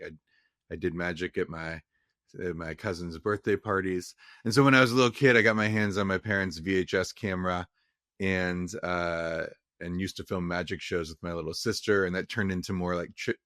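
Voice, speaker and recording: Deep-voiced man in a rambling interview. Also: fairly bright tone, no echo, studio quality. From California. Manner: rambling, frequent restarts and fillers. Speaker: film director guest. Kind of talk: casual interview conversation.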